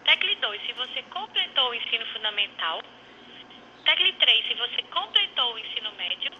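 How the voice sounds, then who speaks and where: A young adult woman reading automated phone survey prompts in a measured, even, announcer-like way, heard over a phone line. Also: a little high, a little hiss or hum. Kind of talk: recorded phone poll prompts.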